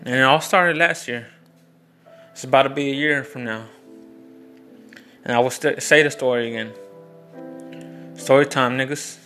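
A young man rambles through a personal story in a loose, unscripted way. His voice is bright and forward, and his pitch stays level and flat. Faint guitar music plays underneath. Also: normal speed, long pauses. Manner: rambling, many restarts and fillers, frank. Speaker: vlogger. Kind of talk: casual storytelling monologue.

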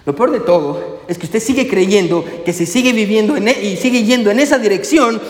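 A man's voice: high voice, brisk. A man preaching a sermon as pastor, emphatic and repetitive, firing question after question at the congregation and calling them brother. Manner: emphatic, repeats questions, addresses listeners as brother. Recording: echoey hall.

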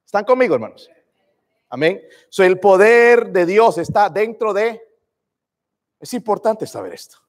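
High-voiced fervent preacher in a hall. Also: male voice, big pitch swings, a little slow, long pauses. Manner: fervent, calls out to the congregation with "hermanos" and "amén". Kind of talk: sermon. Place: church sanctuary. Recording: long reverb of a church hall.

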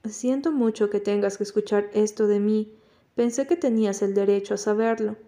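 A woman's voice: medium pitch, normal speed, mellow, natural voice. A woman reading a blunt young man. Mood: earnest.

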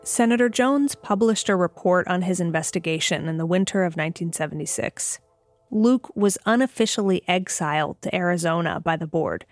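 A woman hosting and narrating a documentary podcast, with a measured, scripted storytelling delivery. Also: fairly low pitch, no room sound, studio quality.

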